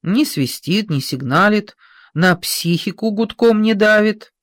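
An audiobook reader voicing a calm, blunt soldier at the controls of an armored train, talking a nervous comrade down. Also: mid-range voice, unhurried, no room sound, studio quality, voice pushed up, natural voice. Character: steady, gruff soldier driving an armored train. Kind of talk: audiobook character reading.

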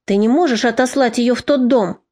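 A woman's voice: fairly high pitch, a little fast, a little mellow, close to an everyday voice. A woman doing a fierce old grandmother. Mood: pleading.

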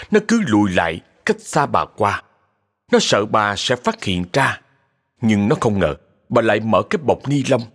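A man narrating a scripted ghost story in a calm, expressive way. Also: fairly low pitch, husky.

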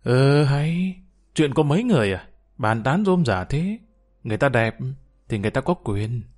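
A man's voice: medium pitch, very animated, normal speed, a little mellow. A man voicing a snide, gossiping waitress. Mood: gossipy.

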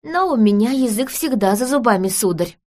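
A woman reading an audiobook, voicing a calm, earnest young woman who speaks in a serious, matter-of-fact way. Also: a little high, moderate pace, pitched above the performer's own voice, lightly acted.

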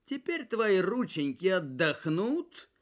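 A man's voice: high-pitched, very animated, slow pace, voice pushed up, exaggerated voice. A man voicing a stern soldier who lectures and scolds a lazy lad, in a folk tale. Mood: scolding. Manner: lecturing, reproachful.

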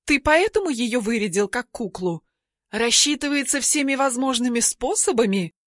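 A woman reader voicing a haughty, spiteful young woman who yells and sneers in an audiobook. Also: a little high, expressive, moderate pace, no room sound, studio quality, voice pushed up. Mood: furious.

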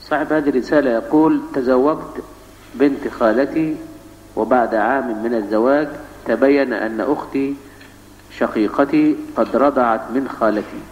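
A man slowly reading aloud worshippers' written questions in a formal, measured way. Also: medium pitch. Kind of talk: slow formal reading of letters. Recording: distant, roomy, dull mosque recording.

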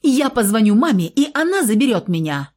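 An indignant young student girl, put on by a woman reading a story aloud snaps and shouts in a raised, swooping voice. The tone stays mellow underneath, read in a storybook manner. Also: a little high, big pitch swings, a little fast, voice pushed up. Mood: furious. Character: angry rebellious young woman student, near eighteen.

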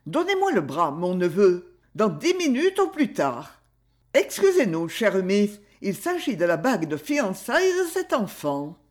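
A woman's voice: medium pitch, wildly swooping pitch, measured pace, a little mellow. A woman voicing a kindly, courteous old English lord speaking to his family. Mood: genial. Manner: genial and courteous.

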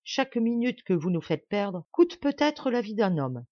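A woman's voice: medium pitch, very animated, measured pace, dry recording. A woman voicing a fiery, defiant young woman who rouses a band of rebels with rising exclamations. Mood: rousing fierce. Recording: dull dry recording.

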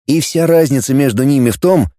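A man narrating an audiobook in an expressive, lively reading. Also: mid-range voice, brisk, no echo, studio quality. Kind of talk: scripted narration.

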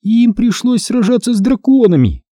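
A man's voice: very high-pitched, big pitch swings, normal speed, warm tone, no echo, studio quality, pitched above the performer's own voice. A man voicing a bossy, teasing eleven-year-old girl in an audiobook. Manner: teasing, sarcastic. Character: mocking eleven-year-old girl, older-sister airs. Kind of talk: audiobook character voice.

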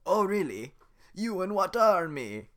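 A man voicing a big, grumpy male ogre in a fan reading of a cartoon script, loud and sarcastic. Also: sits high, sing-song, unhurried, voice pushed up, full character voice.

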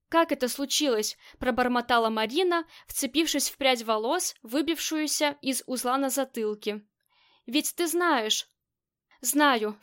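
A woman narrating a crime novel as an audiobook, with steady, even storytelling. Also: sits high. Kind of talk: scripted narration.

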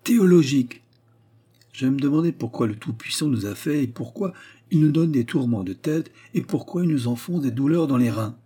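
A man voicing a feverish, restless young gentleman who talks in agitated, breathless bursts in an audiobook. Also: medium pitch, animated, fairly quick, slightly rough, pitched above the performer's own voice. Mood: troubled. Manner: agitated, breathless, rambling speech. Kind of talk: audiobook character reading.

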